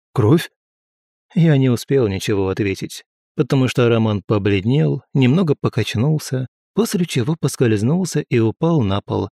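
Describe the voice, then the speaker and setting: A man narrating an audiobook in the first person with a steady, measured reading. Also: mid-range voice, gravelly, no room sound, clean studio sound.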